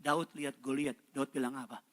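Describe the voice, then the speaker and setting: A male pastor preaching a sermon, swinging between loud exhortation and low asides and drawing the congregation into call-and-response. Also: level tone, fairly quick, big-room sound.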